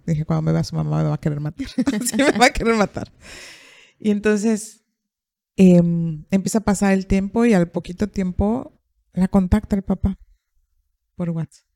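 A woman's voice: on the low side, moderate pace, vocal fry, mellow, no room sound, clean studio sound. A woman, a therapist hosting a podcast, telling a story in conversation and acting out the quoted dialogue.

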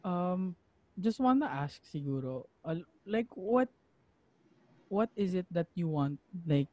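A young Filipino-accented man hosting a casual podcast, asking gentle, halting questions with many fillers. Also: a little high, dry recording. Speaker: podcast host. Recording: dry close audio.

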